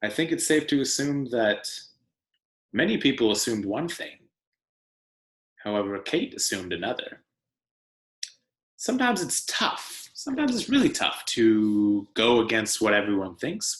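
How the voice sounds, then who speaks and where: A man with a lowish, animated voice reads a picture book aloud in a teacherly way, using deliberate, emphatic phrasing and adding conversational asides for young listeners. The recording has a roomy sound.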